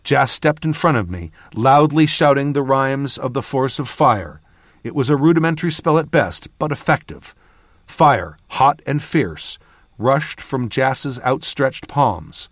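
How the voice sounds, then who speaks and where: Male audiobook narrator, mid-pitched voice, steady first-person fantasy reading on a dry close mic. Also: no echo. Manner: measured, steady storytelling.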